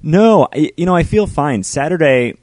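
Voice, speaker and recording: A man co-hosting a casual podcast, his voice hoarse and gravelly from shouting. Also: a little high, expressive, moderate pace, dry recording. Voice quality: gravelly, frog in the throat. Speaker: podcast co-host.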